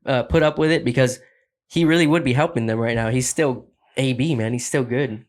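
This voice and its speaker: A man's voice: mid-range voice, brisk. A man with a mid-range voice co-hosting a sports podcast, blunt and sure of his views. He pushes his points hard in loose, casual talk. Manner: emphatic and opinionated, blunt. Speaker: podcast co-host.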